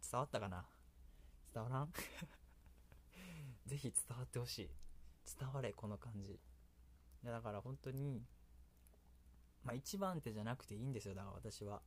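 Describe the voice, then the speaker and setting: A man's voice: medium pitch, lively intonation, normal speed, long pauses, breathy edge. A man with a Kansai accent hosting a casual solo radio talk, rambling and often laughing at himself. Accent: Kansai Japanese. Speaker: solo radio host and creator.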